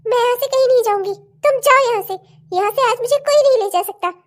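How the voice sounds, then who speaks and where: A woman's voice: extremely high pitch, fast talker. A woman voicing a betrayed wife in a cartoon comedy who stubbornly refuses to leave and vows revenge. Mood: vengeful. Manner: defiant, mocking and drawn out. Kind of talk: Hindi cartoon comedy voice acting.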